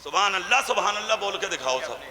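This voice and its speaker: A man preaching a fiery religious sermon, shouting in rising chanted bursts with repeated refrains. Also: high-pitched, lively intonation, quick pace, background noise. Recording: echoey hall with crowd.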